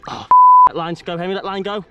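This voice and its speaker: A fairly high-voiced man talks in casual, excitable bursts, calling out to his fishing mate. He is recorded outdoors at a lakeside. Light music sits faintly underneath. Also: a little fast. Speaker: angler. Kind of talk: casual live chat while fishing.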